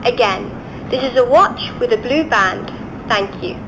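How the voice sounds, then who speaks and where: Flight attendant lady doing a polite plane cabin announcement, highish voice, noisy cabin behind her. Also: unhurried. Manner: polite, procedural. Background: aircraft cabin noise.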